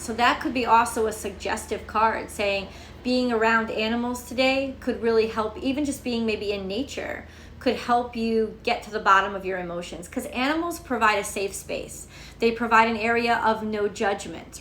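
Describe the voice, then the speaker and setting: A woman's voice: a little high, a bit bright, reverberant, a little hiss or hum. A woman giving a casual, rambling tarot reading to camera, emotional and chatty, swearing freely. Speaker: tarot reader.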